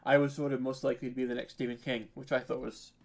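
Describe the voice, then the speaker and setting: An audio drama writer and producer chats as a guest on a podcast in a casual, informal interview. He sounds hesitant and self-deprecating, modest about himself, and his gravelly, mid-range voice comes out quick and flat.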